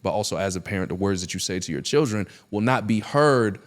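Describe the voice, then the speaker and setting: A man's voice: on the low side, fast talker. A man speaking as a podcast guest in casual, slangy storytelling, often acting out quotes. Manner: slangy, animated quoting of himself and others.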